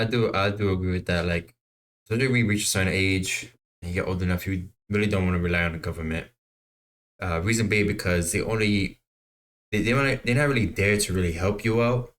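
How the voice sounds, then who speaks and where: Deep-voiced man hosting a reaction video. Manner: laid-back, slangy, repetitive. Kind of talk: casual reaction commentary.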